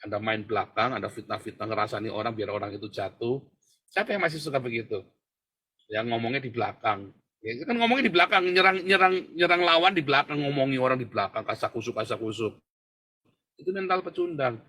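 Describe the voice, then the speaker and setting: A male pastor giving a provocative, mocking sermon. He keeps turning to address his listeners directly and jumps from loud outbursts to low murmurs. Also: fast, breathy edge. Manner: constantly addresses listeners as brothers; leaps between shouting and low murmurs.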